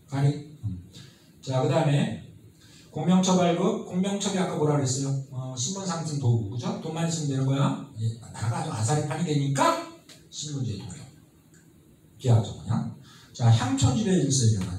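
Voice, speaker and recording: A man giving a lively history lecture who asks his students constant questions and acts out the people he quotes. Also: fairly high pitch. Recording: very echoey room, mic at a distance, faint noise.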